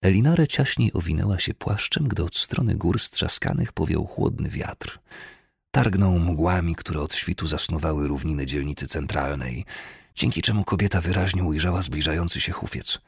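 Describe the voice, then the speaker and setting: A man narrating a fantasy audiobook in a steady, measured way. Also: deep voice, gravelly, husky, no room sound, clean studio sound.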